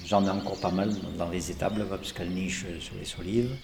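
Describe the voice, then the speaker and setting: Low gravelly man in an echoey space. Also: steady tone, quick pace, a crowd in the background. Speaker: rural resident interviewed. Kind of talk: casual chat.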